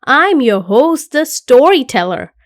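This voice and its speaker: A woman hosting and introducing a children's story session in a bright, sing-song manner. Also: sits high, big pitch swings, measured pace, no room sound, clean studio sound. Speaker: host.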